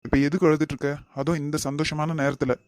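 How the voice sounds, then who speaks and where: A protective, earnest uncle, voiced by a man in an animated family story. He talks in a slightly high voice, recorded dry and close, with a Kanyakumari Tamil accent, lecturing firmly but with care. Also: quick pace, no echo, natural voice. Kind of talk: animated family drama voice acting.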